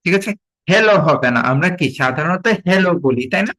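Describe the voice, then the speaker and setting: Man, Bengali accent, online English teacher, slightly high voice, repeats words for learners. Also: fairly bright tone, poor audio. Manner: slow, repeats each word several times for learners. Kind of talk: online spoken English class. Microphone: video call.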